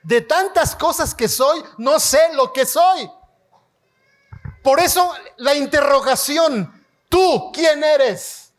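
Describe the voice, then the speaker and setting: A man preaching a sermon as pastor, leading his congregation in call-and-response and rising to shouts. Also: extremely high pitch, animated. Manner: slow, emphatic delivery, rising to shouts. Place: church hall before a congregation.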